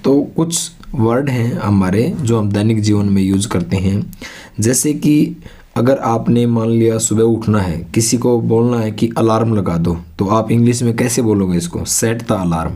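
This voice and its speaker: Man, low voice, warm dark tone, patient teacher, rhetorical questions, drill-style repetition. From India. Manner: repeats each English phrase slowly, drill-like. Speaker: English teacher. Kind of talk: spoken language lesson.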